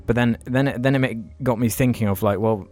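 A man's voice: medium pitch, fairly even intonation, a little fast, darkish tone, faint music behind. A young man, telling a long story in casual podcast chat and swearing freely. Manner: rambling storytelling, heavy swearing. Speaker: podcast co-host.

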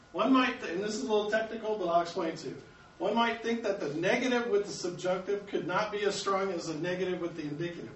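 In a church classroom, an American man briskly teaches an adult Sunday school Bible lesson in a high-pitched voice. He walks through points one at a time, corrects himself, and chuckles over his slips. The sound is echoey with a distant mic and slight background noise.

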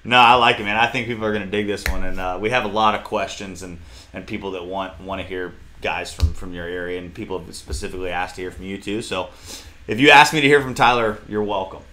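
A man with a fairly low voice and a bright, crisp edge hosts a podcast. He chats casually and agreeably, with an informal, laid-back delivery. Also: steady tone, fast talker, slight background noise. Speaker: podcast host. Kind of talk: casual chat.

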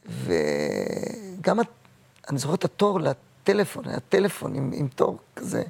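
A man in his sixties, a guest actor and comedian, telling personal stories in a halting, emotional way with many repeats. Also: on the high side, huge pitch swings, gravelly, a little mellow, breathy edge. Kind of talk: personal interview storytelling.

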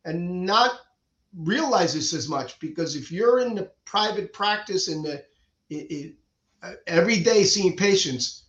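A middle-aged Cuban surgeon, appearing as a guest in a conversational interview, earnestly explains his views and often restarts his sentences. His voice sits high and sounds animated, a bit bright and a little slow. The room sound is echoey, dull and lo-fi.

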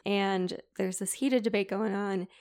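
A woman's voice: mid-range voice, steady tone, a little slow, a little mellow. A woman podcast co-host casually retelling a classic story in a chatty, filler-heavy way.

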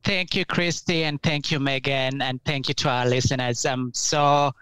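Earnest Ugandan man, smooth and dry. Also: mid-range voice, steady tone, fairly bright tone, no room sound, rough recording. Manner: earnest, halting, many fillers and restarts. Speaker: guest. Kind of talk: personal storytelling in an interview.

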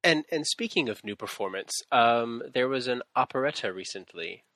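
A man's voice: mid-range voice, lively intonation, normal speed, fairly bright tone, no echo. A man hosting a podcast interview, asking long, eager questions with many restarts. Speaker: podcast host.

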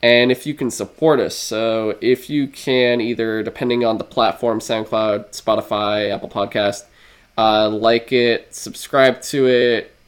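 A young man with a fairly low voice wraps up a podcast episode in a loose, casual way. He rambles, circles back on himself and fills the gaps with "uh" and "like". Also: fairly even intonation, unhurried, clear, resonant tone. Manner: rambling with many fillers and restarts. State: dry throat. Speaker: podcast co-host.

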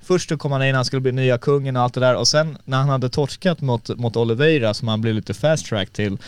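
A man's voice: mid-range voice, clear, resonant tone, no echo. A man in casual podcast chat about fights, talking loosely and mixing English phrases into his speech.

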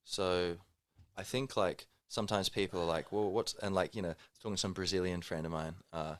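A man's voice: deep voice, steady tone, brisk, a bit bright, dry recording. A man chatting casually as a podcast co-host, in a rambling, thoughtful manner. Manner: rambling, thoughtful, peppered with like and you know. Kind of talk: casual conversation.

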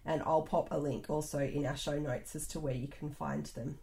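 A woman's voice: sits low, steady tone, moderate pace, creaky, warm tone. A woman reading a scripted podcast outro as the host.

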